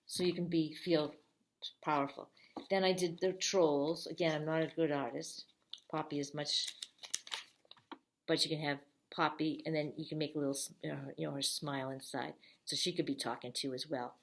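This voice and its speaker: A woman's voice: deep voice, fairly even intonation, moderate pace. A woman librarian giving a friendly, step-by-step craft tutorial for kids. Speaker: children's librarian.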